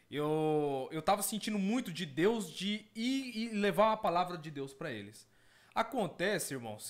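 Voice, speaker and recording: A man, an evangelical host telling a testimony earnestly and often repeating his words. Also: on the high side. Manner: earnest, repeats words, calls listeners brothers. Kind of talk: testimony and reaction commentary.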